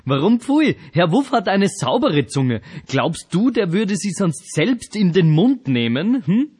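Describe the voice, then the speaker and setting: A high-voiced, easygoing man. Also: big pitch swings, a little mellow, husky, exaggerated voice. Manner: good-humoured, laughing, sings slowly. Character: cheerful, easygoing man with a big mixed-breed dog. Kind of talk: children's audio play and song.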